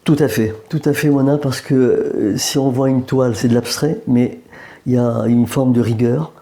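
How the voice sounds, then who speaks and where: In an art gallery room, a painter from Algeria gives a relaxed interview, hesitating often and slipping in jokes. He speaks at a moderate pace in a dark-toned, mid-range voice with fairly steady intonation.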